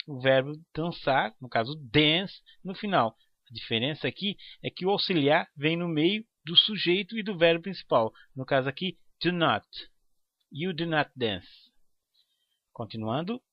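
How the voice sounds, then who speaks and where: A man teaching English to beginners in a slow, deliberate lesson narration, repeating each example phrase. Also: on the high side, no echo. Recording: dry, dull lo-fi voice-over.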